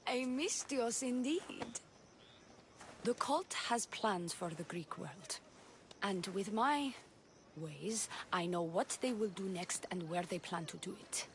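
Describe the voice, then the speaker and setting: Sly, poised priestess, measured and theatrical. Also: female voice, medium pitch, a little hiss or hum. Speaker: game character. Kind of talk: video game voice acting.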